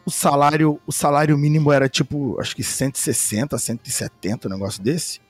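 Husky Brazilian man in his thirties. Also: on the high side, fairly even intonation, fast talker, soft background music. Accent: Brazilian Portuguese. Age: 30s. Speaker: podcast guest. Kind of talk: casual storytelling chat.

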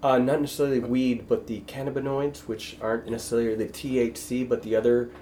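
A man in casual chat with friends, talking haltingly with many fillers and restarts. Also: mid-range voice, little pitch movement, warm tone, a little hiss or hum.

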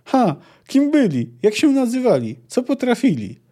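Eager young girl from a fantasy book, mellow voice pitched up high, as a guy reads her lines. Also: huge pitch swings, moderate pace, full character voice. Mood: curious. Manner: reading a book's dialogue aloud, raised pitch for the girl. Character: young girl, eager sword pupil, curious and stubborn.

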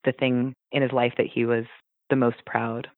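A wrestler's son, interviewed over a dry, tinny phone line, shares fond anecdotes and memories of his late father. He speaks at normal speed in a medium-pitched, level voice.

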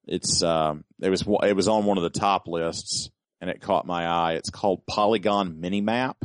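A man with a very low voice co-hosts a podcast in loose, casual chat. He rambles and repeats words as he gets going. His voice sits close and dry with no room around it. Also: steady tone, normal speed, smooth, no room sound. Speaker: podcast co-host.

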